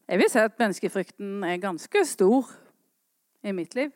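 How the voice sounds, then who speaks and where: A woman preaching a sermon, swinging between quiet earnest talk and impassioned rising calls. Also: medium pitch, expressive, dry recording, studio quality.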